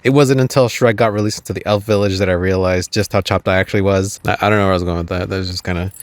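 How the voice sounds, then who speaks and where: A man's voice: low voice, fairly even intonation, rapid-fire, dry recording. A young man telling comedic travel stories outdoors, self-deprecating with wry asides. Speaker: travel vlogger.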